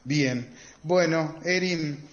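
A man with an Argentine accent conducting a conversational interview in a hesitant way, with many pauses and fillers. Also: a little high, muffled recording. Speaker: radio interviewer.

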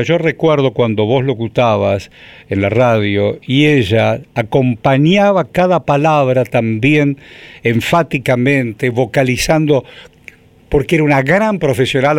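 A man's voice: medium pitch, lively intonation, normal speed, dry recording. A man in his seventies with an Argentine Spanish accent, interviewing a guest on the radio with effusive, prompting questions. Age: 70s.

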